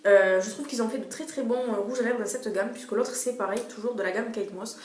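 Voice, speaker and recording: A woman's voice: on the high side, a little fast, a little mellow. A young woman reviewing her favorite beauty products in a casual, hesitant way, full of fillers and repeated words, recorded in a room at home. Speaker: beauty vlogger. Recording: echoey room, faint noise.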